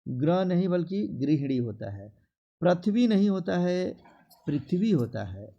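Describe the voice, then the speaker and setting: A man teaching a classroom spelling lesson, slowly drilling words and repeating them for his students, with a Bihari Hindi accent. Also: fairly high pitch, expressive, vocal fry, dark tone, lo-fi sound.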